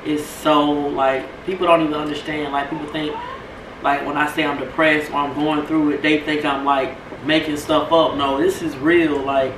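A woman co-hosting a casual vlog chat, talking openly and rambling about herself. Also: low-pitched. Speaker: co-host. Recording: roomy echo, distant mic, background noise.

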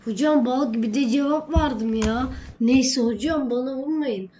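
A woman's voice: high-pitched, normal speed, dark tone, highs cut off, a little hiss or hum, close to an everyday voice. A woman voicing a cheeky, super-strong schoolboy who whines, pleads and talks back to his teacher in a homemade skit. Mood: pleading. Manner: whining, pleading, talking back.

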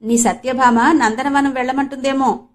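A woman's voice: high-pitched, steady tone, normal speed, natural voice. A woman doing a cheeky young village man. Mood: teasing. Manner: cheeky, bantering.

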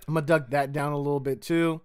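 A man with a slightly high voice, talking casually and loosely like he's showing a friend his screen. He walks through each step in a relaxed, slangy way, recorded close on a desk mic. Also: fast talker, smooth. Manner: laid-back, slangy, talks through steps on screen. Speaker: music producer. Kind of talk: casual tutorial walkthrough.

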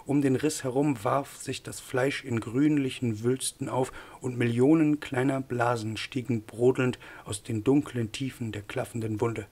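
A man narrating an audiobook in a measured, even way. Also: mid-range voice. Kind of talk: scripted narration.

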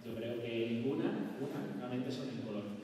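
A man's voice: medium pitch, normal speed, distant mic. Spanish man presenting in a large echoey hall. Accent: Spanish from Spain. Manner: lively, asks the audience questions. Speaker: conference speaker. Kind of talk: conference presentation. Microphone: far camera, room mic.

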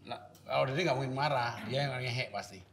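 A middle-aged man hosting a casual, joking chat, teasing his guests with loud banter. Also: medium pitch, brisk, a crowd in the background. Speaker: show host.

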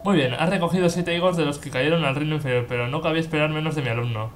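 A man voicing a solemn male angelic mentor turned traitor in a video game, speaking slow and grave in a lowered voice. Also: slight background noise, lightly acted. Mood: smug.

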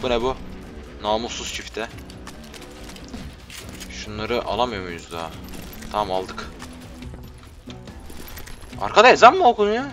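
A rowdy young man commentating his gameplay through a headset, his bright, sharp voice leaping up and down as he jokes and scolds the enemies. Game music plays softly behind him. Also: lowish voice, very animated, a little slow, long pauses. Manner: rowdy, swears at enemies, joking. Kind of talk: casual let's play commentary. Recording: voice over game audio and music.

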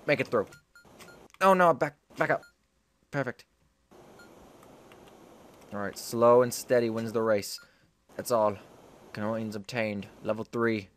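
A man's voice: mid-range voice, takes it slowly, pauses often. A young man giving casual gameplay commentary, repeating short phrases to himself. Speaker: gaming video host.

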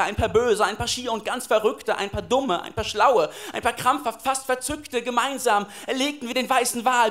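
A man with a high voice performing rhymed slam poetry on a live stage. He delivers each line with dramatic, rhythmic timing. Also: a bit bright. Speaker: slam poet. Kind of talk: rhymed spoken-word performance.

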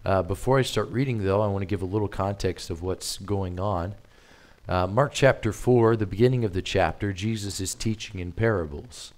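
Deep-voiced man preaching, halting. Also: darkish tone. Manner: hesitant, many fillers and restarts; plain conversational preaching. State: strained voice. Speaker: missionary preacher. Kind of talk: sermon.

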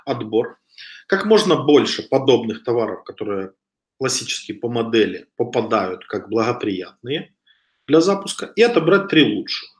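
An online business instructor in his thirties, medium in pitch, presents a slide lecture through his webcam. He keeps it casual, with frequent hesitations, restarts, and a slight cold-induced cough, recorded in an echoey home room with wooden shelves.

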